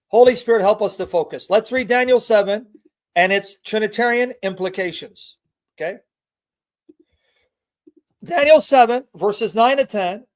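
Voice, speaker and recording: A man teaching a Bible study, reading scripture aloud and explaining it, stressing his points and often checking in with listeners. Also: very high voice.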